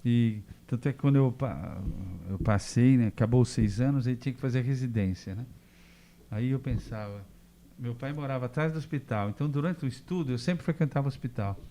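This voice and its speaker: An older Brazilian man from the interior of São Paulo, a physician telling lively stories as an interview guest and acting out the dialogue. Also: medium pitch, brisk. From Catanduva, São Paulo state, Brazil. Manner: lively anecdotes, acts out quoted dialogue. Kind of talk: casual storytelling.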